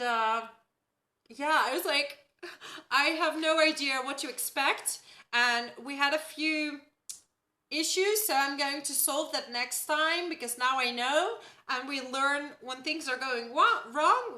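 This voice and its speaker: Speaking in a high, pushed, bright voice, this Dutch woman from the Netherlands runs a relaxed astrology live stream from home. She keeps checking in with viewers by asking "right?", and the recording is reverberant.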